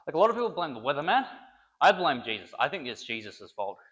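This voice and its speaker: A young man, a personal trainer with a bit of a cold, jokes and chats casually during his workout, thinking aloud between sets in a rambling vlog style. He talks fast with big pitch swings, and his slightly high voice is fairly bright yet husky.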